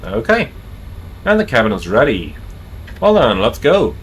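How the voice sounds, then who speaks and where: Guy on a pilot headset reading checklists and radio calls, crisp aviation lingo, voice bounces up and down a lot, faint hum behind. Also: medium pitch, huge pitch swings, unhurried. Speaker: airline pilot flying a flight simulator. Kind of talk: cockpit checklists and radio calls, explained to viewers.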